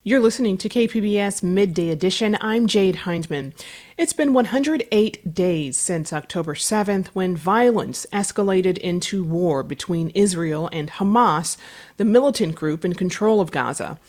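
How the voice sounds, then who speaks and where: With an animated manner and a darkish, medium-pitched tone, a woman presenting a public radio interview show sets up a news story and introduces her guest in measured, formal newsreader fashion.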